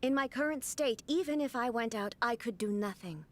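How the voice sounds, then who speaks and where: A woman voicing a calm, emotionless female puppet ruler in a video game, speaking in a flat, mechanical, computer-like way. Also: fairly high pitch, moderate pace, close to an everyday voice. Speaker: game character.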